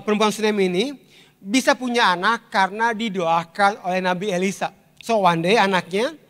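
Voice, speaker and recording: Male preacher, animated storyteller, bright tone, long reverb of a large church. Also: sits high. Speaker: pastor. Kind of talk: sermon.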